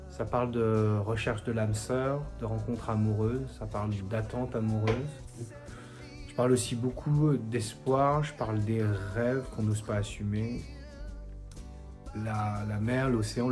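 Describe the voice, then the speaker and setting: A man in his forties from France, a songwriter giving a recorded support message in a soft, hesitant way with many pauses. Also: lowish voice. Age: 40s. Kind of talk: recorded video testimony.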